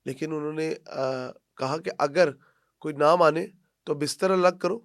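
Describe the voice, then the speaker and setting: A man interviewing a speaker, challenging his points in a calm conversational discussion. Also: a little high, no room sound, studio quality. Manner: challenging, pushes back on points.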